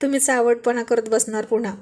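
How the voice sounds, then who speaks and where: Shy young wife teasing back, kinda high voice, woman reading it. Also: steady tone, a little fast, lightly acted. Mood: amused scolding. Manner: gently scolding, amused.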